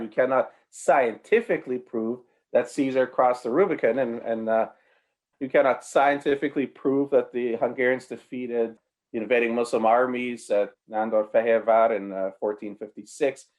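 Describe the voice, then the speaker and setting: A man delivering an apologetics sermon at an ordinary middle pitch. He argues with emphasis, jumping up in pitch on key words. His pace shifts between quick runs and slow, drawn-out phrases. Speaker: preacher.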